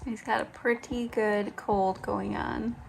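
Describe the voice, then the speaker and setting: A young woman vlogging casually to camera as a tired mother, talking softly and rambling with fillers. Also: mid-range voice, fairly even intonation, slow pace, gravelly. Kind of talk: casual vlog talk to camera. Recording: background noise. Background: wind and outdoor ambience.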